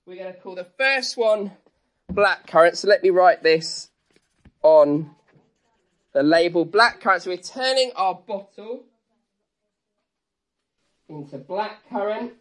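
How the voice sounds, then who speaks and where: A woman's voice: fairly low pitch, lively intonation, slow pace, long pauses. A woman leading an interactive children's talk at church, with playful patter like a kids party magician and chatty asides. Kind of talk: interactive family sermon with magic-trick demonstration.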